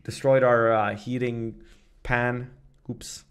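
A man's voice: mid-range voice, level tone, slow, heavy background noise. A young man streaming, casually reacting to videos, loose and swearing, laughing between remarks.

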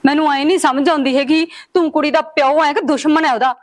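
A woman playing a fierce high-voiced village mother. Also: steady tone, fast, natural voice. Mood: angry. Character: worried rural mother defending her daughter. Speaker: mother in a family drama. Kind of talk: village short-film acting.

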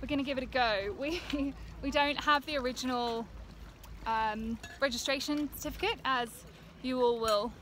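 A woman's voice: high-pitched, normal speed. A young Australian woman chatting casually in a sailing vlog, giggly and upbeat, filming herself at arm's length outdoors. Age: young adult. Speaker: sailing vlogger. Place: outdoors on a sailboat and streets. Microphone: camera held at arm's length. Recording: loud wind and outdoor noise.

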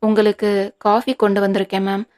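A woman's voice: mid-range voice, flat delivery, brisk, darkish tone, lightly acted. A woman reading the lines of a hesitant, polite woman servant in a storybook, meek and deferential.

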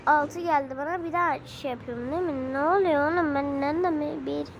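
A woman vlogger playing phone games and talking to her viewers, thinking out loud, exclaiming and getting frustrated. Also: high voice, fast talker. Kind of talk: casual gaming chatter to viewers. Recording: noisy background ambience.

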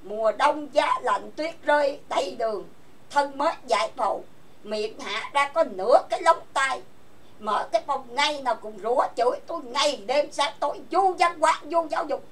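A woman hosts an online voice chat and scolds in a furious, cursing rant. Her voice sits high and sharp in pitch. She sounds set back from the microphone, as if speaking across the room to her computer. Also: moderate pace, recorded from a distance. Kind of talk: angry rant. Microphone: computer voice chat mic.

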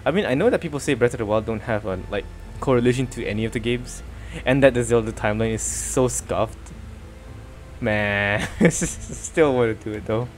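A man's voice: mid-range voice, normal speed, soft background music. Rambling, giggly male streamer. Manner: rambling, stammering, laughs often. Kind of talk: casual let's-play chat.

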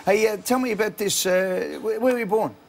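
A man's voice: high voice, a little fast, creaky, slight background noise. A middle-aged Australian man hosting a TV quiz show, chatty and joking with contestants. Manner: jokey, chatty, upbeat. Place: large TV studio with live audience. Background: show music and audience.

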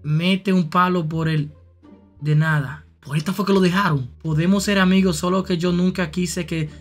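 A young man with a Dominican accent, live-streaming and reacting to chat messages, repeating phrases and jumping into high shouts. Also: soft background music. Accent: Dominican Spanish. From Dominican Republic. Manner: excitable, jumps to high shouts and back; repeats phrases in quick bursts.

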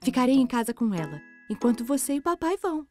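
A caring cartoon mother, high and extremely animated in pitch. She speaks gently, with music behind her. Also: fast. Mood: reassuring.

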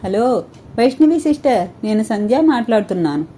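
A woman's voice: fairly high pitch, expressive, normal speed, mellow, breathy edge. A woman voicing a young nurse who calls in an anxious hurry. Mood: anxious, urgent. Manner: urgent, worried pleading.

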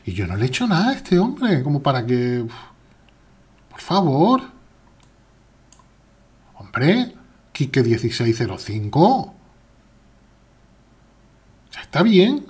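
A man's voice: medium pitch, huge pitch swings, slow pace, pauses often, breathy edge. A man with a Spain Spanish accent, chatting playfully as he plays live chess and answers viewers' chat. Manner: chatty, playful, reads chat aloud while playing. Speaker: chess streamer. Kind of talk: live chess stream commentary.

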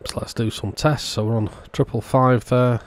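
Here the host of a radio repair channel talks in a steady, mid-range voice at a moderate pace. His informal narration explains a practical repair stage by stage, plainly and matter-of-factly, with a scripted feel.

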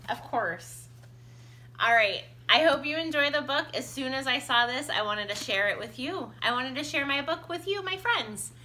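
Gentle preschool teacher reading a storybook. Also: female voice, on the high side, a little hiss or hum. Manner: gentle, expressive, with chatty asides. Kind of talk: reading a picture book aloud to children.

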